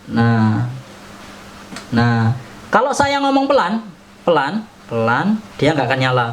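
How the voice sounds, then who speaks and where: A man's voice: medium pitch, wildly swooping pitch, a little slow, a little hiss or hum. A man, chatting casually step by step through a product demonstration. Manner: chatty, explains step by step while pressing buttons. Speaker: audio gear seller demonstrating a mixer. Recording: roomy sound, mic at a distance.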